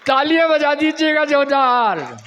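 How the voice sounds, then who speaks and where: An older man, a comic poet, recites funny verse to a live audience in a drawn-out, half-sung style, repeating lines and bantering with the crowd in between. His voice is extremely high and expressive, with a fairly bright tone. The highs are cut off, and there's slight background noise.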